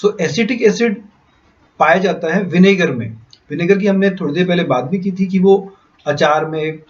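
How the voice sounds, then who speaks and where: High-voiced man teaching science, dull sound. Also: moderate pace. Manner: goes down a list, asks the class questions. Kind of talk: classroom lecture in Hinglish.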